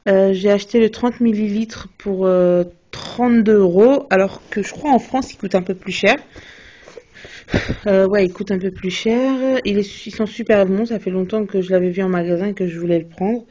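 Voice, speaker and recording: A woman's voice: medium pitch, moderate pace, mellow, slight background noise. A young woman chatting casually about her recent beauty purchases, hesitant, with many fillers and restarts, recorded on a phone. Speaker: beauty vlogger. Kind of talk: casual product haul chat. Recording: dull lo-fi phone video.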